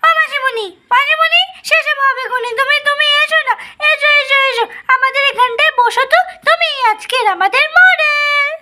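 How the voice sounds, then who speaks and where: A woman voices chattering, pleading little girls for a doll play story, using a very high pitch and a singsong, playful delivery. She talks at normal speed with few pauses, and the recording is very noisy.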